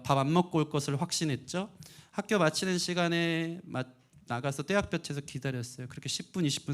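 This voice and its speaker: A middle-aged man preaching a sermon as pastor, telling a family story with lively acted-out quotes. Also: on the high side. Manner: animated storytelling, acting out quoted voices.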